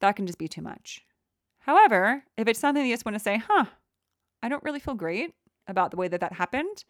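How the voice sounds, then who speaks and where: A young adult woman hosting a reflective solo podcast, talking in a gentle, encouraging way that rambles with many fillers. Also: on the high side, very animated, brisk, no room sound, clean studio sound. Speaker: podcast host.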